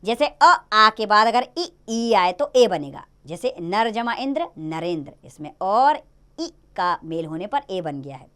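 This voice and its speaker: A woman's voice: mid-range voice, unhurried, clean tone. A woman teaching a grammar lesson to children, explaining rules step by step and stressing each example. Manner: lively, sing-song explaining with stressed examples.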